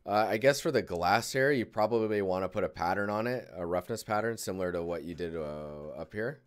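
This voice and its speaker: A man's voice: sits low, a little fast, clean tone. A man giving casual, rambling live critiques of digital art, thinking aloud as he clicks through images. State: yawning, tired.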